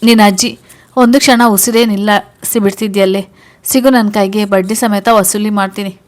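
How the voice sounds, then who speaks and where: A woman's voice: medium pitch, steady tone, normal speed, natural voice. A woman voicing an eager young man who is a fond, teasing fiancé.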